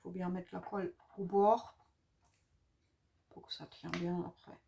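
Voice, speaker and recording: A woman's voice: on the low side, level tone, a little slow, creaky, warm tone. A middle-aged woman with a noticeable regional French accent, chatting through a papercraft tutorial with lots of fillers and hesitations. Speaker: papercraft demonstrator. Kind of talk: casual craft tutorial.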